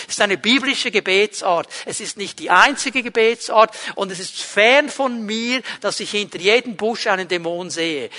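A man's voice: high voice, bright, forceful tone. A man preaching a sermon, talking to his listeners directly and with emphasis. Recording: long hall reverb.

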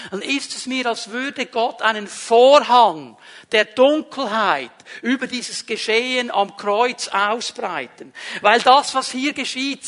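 A man preaching a sermon, emphatic and building to loud repeated phrases. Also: very high-pitched.

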